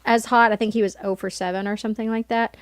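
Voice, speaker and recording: A young woman co-hosting a college sports show, talking in an animated, opinionated way and laughing often. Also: on the high side, fast. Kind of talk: casual sports chat.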